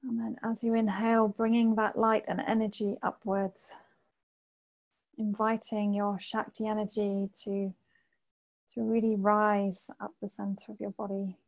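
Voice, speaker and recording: A woman leading a guided meditation in a soothing sleep-story manner, with gentle, unhurried phrasing and long pauses. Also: medium pitch, monotone, creaky.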